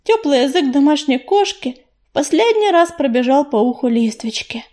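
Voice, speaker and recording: Woman narrating a storybook, high pitch. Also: animated, normal speed, dark tone. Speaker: audiobook narrator. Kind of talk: scripted narration.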